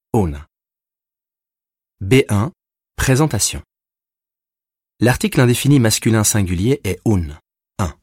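A man narrating a recorded language lesson, explaining grammar rules with slow, deliberate pauses between words. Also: fairly low pitch, a little mellow, breathy edge, dry recording, clean studio sound. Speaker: language teacher.

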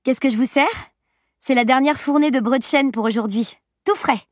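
A woman's voice: sits high, normal speed, dry recording, voice pushed up, lightly acted. Flustered polite young baker gal, raised eager voice, woman doing it, storybook, dry.

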